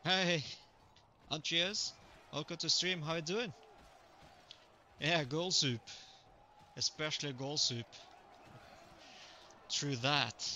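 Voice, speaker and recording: Speaking on the high side and taking it slowly, this streamer leaves long pauses as he plays a strategy game. He's relaxed and chatty in his live commentary, greeting viewers, with slight background noise behind him.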